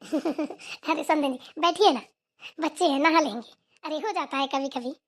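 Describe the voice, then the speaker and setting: In a cartoon, a woman voices an affectionate, chatty village mother visiting her daughter. Her voice sits high and moves at a measured pace, and she laughs easily.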